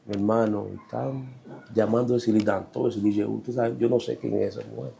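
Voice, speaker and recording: Dominican guest, young man, mellow voice, slangy storyteller. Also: on the low side, steady tone, brisk, creaky, a little hiss or hum. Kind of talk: casual life-story interview.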